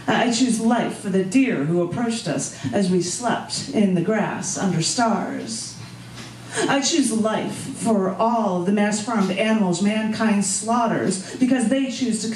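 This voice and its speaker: Her medium-pitched voice is a little mellow: an American woman reading spoken-word poetry and hosting a live open mic indoors at a bar gallery, mixing in casual asides. Background noise and a roomy, distant sound mark the live recording.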